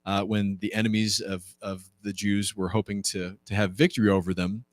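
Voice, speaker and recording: A man's voice: moderate pace, no echo. A man, a pastor leading a Bible class, retelling a story conversationally, asking the class rhetorical questions and acting out quoted lines. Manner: conversational and animated, acts out quoted lines with jumps in pitch.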